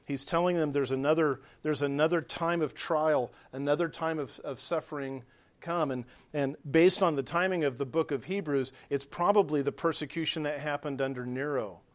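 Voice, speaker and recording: A man preaching from the pulpit with earnest conviction. His voice sits a little high for a man. He drops to hushed lines, then rises into emphatic, urgent exhortation. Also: normal speed. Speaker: pastor. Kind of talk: sermon.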